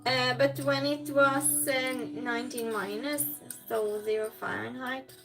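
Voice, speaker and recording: Her voice sits high, with vocal fry and fairly even intonation at a measured pace, while music plays behind her. She's a live streamer, not a native English speaker, rambling through a casual chat as she cooks at home and answering viewer comments she reads aloud.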